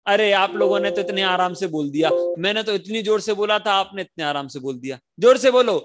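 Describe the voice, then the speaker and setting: High-voiced man coaxing kids in class. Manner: animated, coaxing kids to repeat lines aloud; chants and sings verses slowly. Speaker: children's religion teacher. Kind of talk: online class for children. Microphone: video call.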